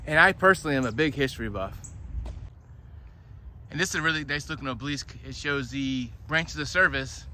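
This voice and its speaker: A man's voice: mid-range voice, fairly quick, bright, forceful tone. A man speaking as a tour guide, narrating an outdoor walking tour and explaining the sights as he goes. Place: outdoors in a public park. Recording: outdoor recording with urban ambient noise.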